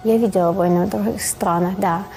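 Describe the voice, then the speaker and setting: A woman psychologist speaking in a documentary interview, calm and matter-of-fact, with hesitant fillers. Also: medium pitch, fast. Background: music.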